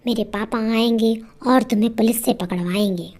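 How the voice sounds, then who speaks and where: A woman's voice: a little high, moderate pace, a little mellow, natural voice. A woman voicing a mistreated young wife who pleads at times and defies her husband at others. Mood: defiant. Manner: pleading and defiant. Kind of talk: storytelling with acted dialogue.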